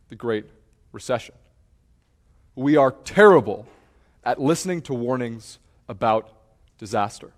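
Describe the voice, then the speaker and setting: A man giving a talk, telling stories dramatically and building intensity around a repeated refrain. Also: medium pitch. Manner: acts out shouts and quotes.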